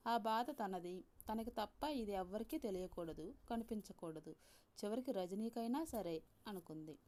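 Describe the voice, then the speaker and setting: A woman with a Telugu accent reading a story aloud in a calm, measured way, softly voicing the characters. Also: mid-range voice. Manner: calm, measured reading with soft voiced dialogue. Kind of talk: scripted story narration.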